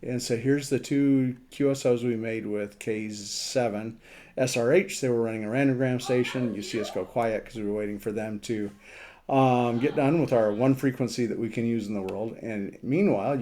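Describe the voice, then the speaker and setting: The speaker is a ham radio hobbyist presenting a map demonstration through a relaxed screen walkthrough. His tone is mellow and unhurried at moderate pitch, and his thinking-aloud narration comes out halting and conversational.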